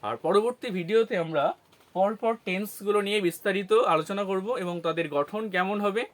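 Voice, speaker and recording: High-voiced man teaching grammar. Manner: slow, syllable-by-syllable explanations with self-answered questions. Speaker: English teacher. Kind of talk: grammar lesson.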